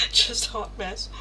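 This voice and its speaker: A woman in her thirties hosts a casual tarot livestream, chatting with viewers and answering their questions while joking about herself, laughing often and swearing casually. Her tone is sharp, and the poor audio carries a little hiss or hum.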